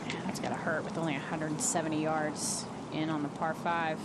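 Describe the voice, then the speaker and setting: A woman's voice: low-pitched, little pitch movement, fairly quick, very noisy. A woman working as a golf analyst, commenting conversationally during live play.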